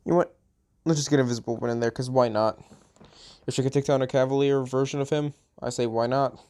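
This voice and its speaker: A man at a mid pitch talks over his gameplay in a loose, rambling way. He sounds a bit tired and often trails off or restarts his sentences. It is plain, unscripted commentary into a home microphone. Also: fairly even intonation, fast talker, darkish tone, clean tone. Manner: rambling, chatty, self-correcting. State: a little tired. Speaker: gaming channel host.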